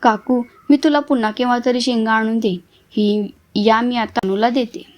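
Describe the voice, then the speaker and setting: A woman's voice: fairly high pitch, fairly even intonation, normal speed, close to an everyday voice. A woman reading the part of an orphaned young woman who pleads with her brothers through tears. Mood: pleading. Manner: pleading, emotional.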